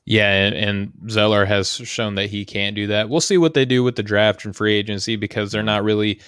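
Male sports-podcast host, low and level delivery, smooth clear tone, dry studio sound. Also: fairly even intonation, normal speed, a bit bright, no echo. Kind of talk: casual sports talk.

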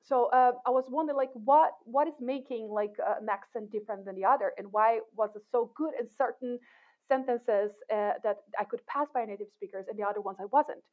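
Heard over a tinny, phone-like call, this researcher in cognitive science talks briskly in a voice on the high side. She's a guest in a casual interview, reflective in manner, often restarting and filling pauses.

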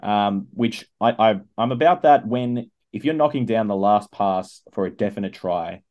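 A man's voice: fairly low pitch, normal speed, lo-fi sound. A man hosts a casual sports chat. His delivery is laid-back and rambling, with hesitant turns as he feels his way through each thought. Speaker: rugby podcast host.

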